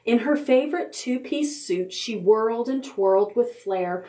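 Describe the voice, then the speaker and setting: A children's librarian leads a preschool storytime, her voice a little high and unhurried as she reads a picture book aloud. She reads expressively and rhythmically, drawing out words and chanting the sound words.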